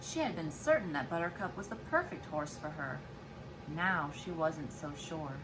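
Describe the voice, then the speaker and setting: A mother with a deep voice reads a children's storybook aloud to her child at a moderate pace, expressively acting out dialogue and pausing to explain things. The background is noisy.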